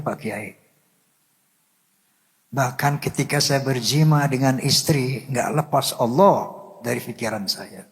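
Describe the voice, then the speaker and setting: Older man, emotional storytelling, devout murmured prayers, long reverb. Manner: heartfelt, pitch rising sharply when moved, murmured prayers. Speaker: musician telling a personal story.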